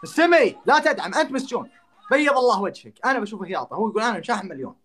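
A man's voice: sits high, sing-song, racing, fairly bright tone, breathy edge, soft background music. A man hosting his own live stream, rallying his supporters and calling out donors by name. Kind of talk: live-stream battle banter.

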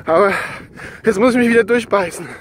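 A man in his forties talking casually to his phone while out running, out of breath, in short broken bursts. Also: high voice. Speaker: sports vlogger. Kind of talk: casual selfie vlog, complaining frankly. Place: outdoors on a country path by open fields. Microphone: phone at arm's length. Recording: outdoor ambient noise.

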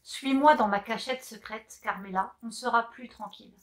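A woman voicing a friendly young red rooster in a children's storybook, speaking gently and slowly. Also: on the high side, natural voice. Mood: confiding.

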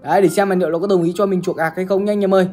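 Woman rattling off gaming chatter to her viewers super fast, faint music underneath. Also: lowish voice, fairly even intonation, warm tone. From Bắc Giang, Vietnam. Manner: chatty, keeps calling out to the audience. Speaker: gaming streamer. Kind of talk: casual gaming commentary to viewers.

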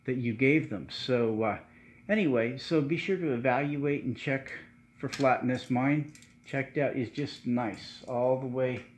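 A middle-aged man giving a casual workshop how-to, talking in a halting way with many fillers and restarts. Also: medium pitch. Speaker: channel host restoring cars. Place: home garage workshop, indoors.

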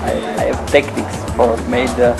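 A man in his forties from Sardinia with an Italian accent, a chef answering interview questions in halting English with many fillers, in a restaurant dining room. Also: mid-range voice, level tone, vocal fry, poor audio. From Sardinia, Italy. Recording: music playing loudly behind.

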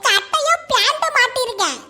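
A woman's voice: extremely high pitch, animated, moderate pace, bright, forceful tone, soft background music, heavily acted. A woman voicing a feisty old grandmother in a cartoon, who scolds her daughter-in-law indignantly. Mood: scolding. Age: older.

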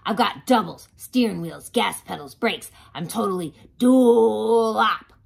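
Lady putting on loud over the top garbage truck voice, gruff n greedy, raspy, storybook. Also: mid-range voice, a little slow, pitched above the performer's own voice, heavily acted. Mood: boastful, hungry. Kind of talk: children's picture book read-aloud.

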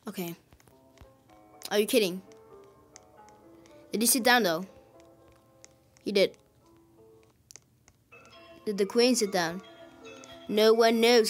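A woman giving casual commentary over her gameplay. She gets excited quickly and grumbles at her teammates. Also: fairly high pitch. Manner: excitable, quickly frustrated, calls teammates idiots. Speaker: gaming video host.

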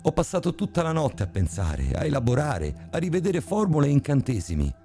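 A man voicing a deranged old woman obsessed with occult magic, talking in a shrill, frantic, cackling way. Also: wildly swooping pitch, fairly quick, mellow, faint music behind. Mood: manic.

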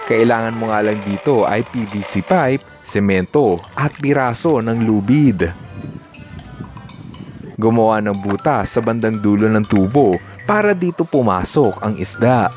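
A man's voice: lowish voice, expressive, unhurried, a little mellow, faint music behind. A man, hosting and narrating scripted voice-over, upbeat and mixing English asides into his commentary. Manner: upbeat, with Taglish asides and reactions. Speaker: host.

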